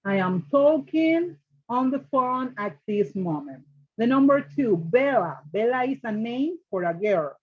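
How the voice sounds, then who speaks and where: A woman teaches a class, laying out rules step by step and checking answers with her students. Her voice sits a little high and has a husky edge. The recording is dull and lo-fi. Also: lively intonation, slow pace. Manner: explains step by step, repeats rules, asks the class questions. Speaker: English teacher. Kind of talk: classroom grammar lesson.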